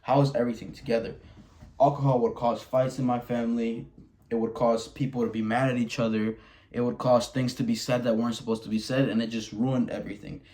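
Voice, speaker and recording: Talking a little fast in a mellow, mid-range voice with little pitch movement, a vlogger in his early twenties from Wisconsin speaks frankly to camera about himself. His monologue is full of swearing and sentences he abandons and begins again.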